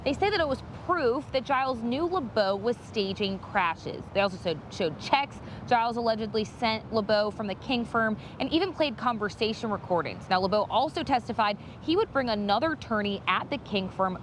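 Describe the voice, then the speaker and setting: American woman reporting live, higher-pitched voice. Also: animated, moderate pace, few pauses, noisy background. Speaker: television news reporter, live. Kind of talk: live field news report. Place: outdoors on a city street outside a courthouse.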